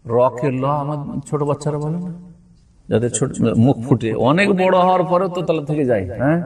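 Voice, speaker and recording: Distant, high-voiced Bangladeshi preacher. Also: male voice, animated, a little fast, a little mellow. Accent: Bangladeshi Bengali. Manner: explains by asking rhetorical questions and drawling out sounds; mixes recited Arabic with Bengali explanation. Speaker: Islamic preacher. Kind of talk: Islamic sermon lesson.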